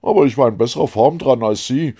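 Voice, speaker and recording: A bold Canadian harpooner, blunt and emphatic, his voice pushed loud and higher than the reader's own, as a male narrator puts him on. There's a husky edge to it. He speaks in a storybook audiobook. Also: fast, close to an everyday voice. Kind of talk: audiobook character voice.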